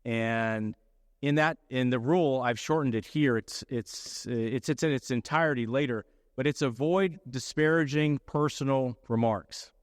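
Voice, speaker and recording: A man's voice: medium pitch, normal speed, no echo. Man lecturing fellow lawyers, dry sound. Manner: explanatory, often checks in with "okay?". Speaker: lawyer giving a talk. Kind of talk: conference presentation.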